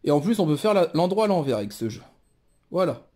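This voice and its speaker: A man's voice: a little high, big pitch swings, fast talker, warm tone. A man casually presenting a tarot deck card by card, musing aloud with many fillers and restarts. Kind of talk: casual show-and-tell presentation.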